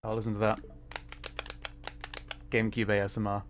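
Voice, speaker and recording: Over background noise, a man speaks at a moderate pace in a fairly low voice with a completely flat delivery. As a VTuber livestream host playing a racing game, he chats casually and thinks out loud in brief reactive bursts.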